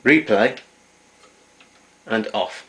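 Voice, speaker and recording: A man with a lowish, slightly bright voice draws out his words while demonstrating vintage tape recorders in his kitchen. As a collector, he explains the equipment hands-on, without a script and in a matter-of-fact way, over noisy amateur camera audio.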